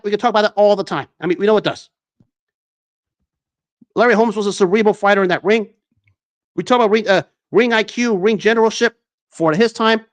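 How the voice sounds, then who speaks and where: A man hosting a sports talk show, delivering an enthusiastic commentary monologue with frequent restarts and fillers. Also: high-pitched.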